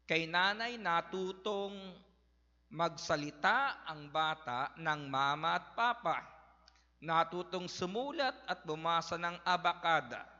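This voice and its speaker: A man's voice: a little high, slow pace, pushed and bright. A middle-aged man preaching a storytelling sermon in a folksy way, addressing the congregation as brothers and sisters. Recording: echoey hall, slightly dull sound.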